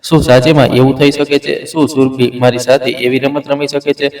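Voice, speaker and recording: A man's voice: mid-range voice, little pitch movement, brisk, a little mellow, natural voice. A man reading the lines of a desperate, remorseful rich husband, pleading and agitated. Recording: roomy, distant mic.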